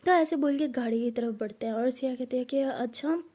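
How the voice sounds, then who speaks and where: A woman narrating a love story in a conversational way, clearing her throat now and then. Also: high-pitched, quick pace, mellow.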